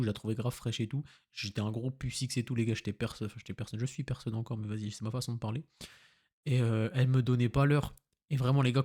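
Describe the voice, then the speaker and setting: Young french guy talking super fast, slangy, lots of fillers, rambling to camera. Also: mid-range voice, darkish tone. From France. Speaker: content creator. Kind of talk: casual monologue to camera.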